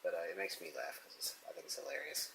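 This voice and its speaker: A man's voice: mid-range voice, very animated, fast, gravelly, sharp tone, slight background noise, low-quality recording. A man musing and chuckling to himself as he draws, talking casually about comics and his sketch. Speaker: artist drawing on camera. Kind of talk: casual narration while drawing.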